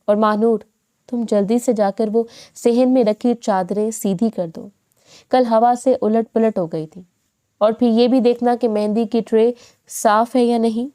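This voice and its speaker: A woman voicing a stern, harried middle-aged mother who scolds her daughters in a sharp tone. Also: on the high side, steady tone, natural voice. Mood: scolding.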